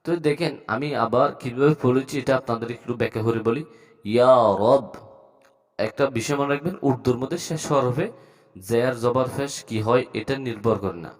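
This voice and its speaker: A man teaching a reading lesson, slowly reading out words and explaining how to pronounce them. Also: medium pitch. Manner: slow, drawn-out reading drills, louder when reading words aloud. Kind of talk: slow language lesson.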